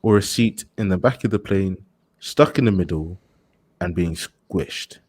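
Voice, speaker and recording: A young British man hosting a casual podcast chat, excitable, laughing and swearing. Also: low-pitched, measured pace, husky, no room sound. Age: young adult. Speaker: podcast host.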